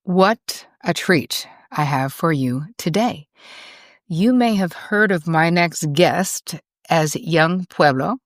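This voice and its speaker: This is a woman hosting an interview show, and she talks in an effusive, gushing way with plenty of fillers. Her voice sits low for a woman. The sound is close and dry. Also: slow, no echo. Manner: gushing, animated, with laughs and fillers. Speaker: podcast host.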